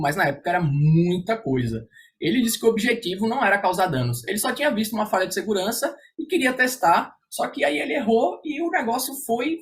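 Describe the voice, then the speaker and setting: A man giving a casual conference talk, relaxed and slangy, with many fillers. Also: sits high. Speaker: conference speaker.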